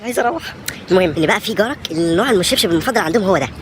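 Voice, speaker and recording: A young man with an Egyptian accent delivering a comic monologue as a vlogger, joking in a rapid-fire, exasperated way. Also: sits high, animated, slight background noise. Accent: Egyptian Arabic. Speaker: comedy vlogger.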